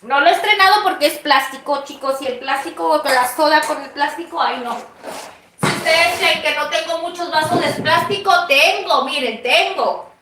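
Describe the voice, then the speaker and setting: A woman runs a chatty home cooking vlog, teasing and confiding in her viewers as she works. Her voice sits high, and the kitchen around her rings with echo. A faint hiss of noise hangs under the recording. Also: normal speed. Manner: playful, gossipy, talks straight to viewers. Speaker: cooking vlogger.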